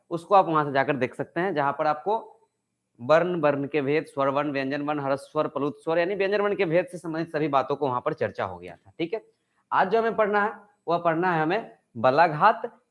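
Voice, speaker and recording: A man's voice: fairly high pitch, a bit bright. A man teaching an online grammar lesson, asking questions and answering them himself. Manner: acts out example sentences with stress.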